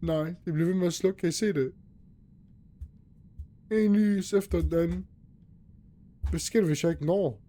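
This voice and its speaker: A man's voice: sits high, long pauses, mellow. A young man nervously commentating a horror game, talking to himself and his viewers as he gets scared. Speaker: gaming youtuber.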